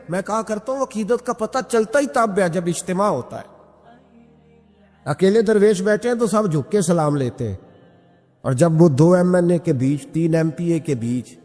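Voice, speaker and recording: A man's voice: sits high, a little mellow. A male preacher giving an impassioned sermon full of rhetorical questions. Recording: long hall reverb with music.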